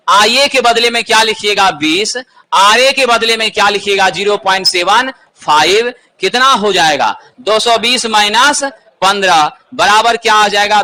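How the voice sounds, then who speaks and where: Guy teaching exam prep, high bright voice, keeps asking then answering. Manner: asks questions then answers them himself.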